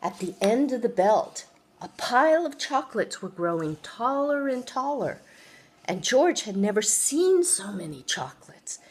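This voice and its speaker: An older woman, a sweet grandmother, reading a children's picture book aloud and gently engaging the young listener. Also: fairly high pitch, big pitch swings, unhurried, slightly rough. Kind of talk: read-aloud children's storytelling.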